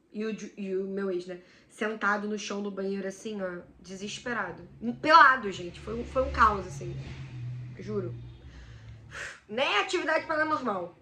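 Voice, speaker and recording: Woman, storytime vlog, animated, bright and sharp tone, hushed then loud. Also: mid-range voice, normal speed, pauses often, slight background noise. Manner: animated, swings between hushed and loud outbursts. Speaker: channel host.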